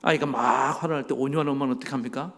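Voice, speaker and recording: A middle-aged senior pastor preaches a sermon in a church sanctuary, posing rhetorical questions to his congregation. His medium-pitched voice is fairly bright with vocal fry, delivered very fast with fairly even intonation. The recording carries the long reverb of a church hall.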